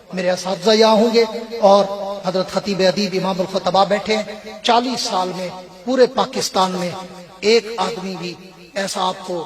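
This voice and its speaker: A middle-aged man with a Pakistani accent, a religious orator addressing a rally from the stage in an emphatic, devout and deferential way. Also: sits high. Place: large religious gathering stage. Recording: loud crowd noise behind. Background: crowd.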